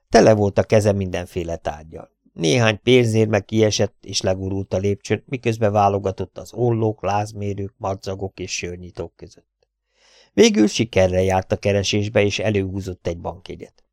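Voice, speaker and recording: A man narrating an audiobook in the first person, steady and measured, on a close studio mic. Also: fairly low pitch, no room sound.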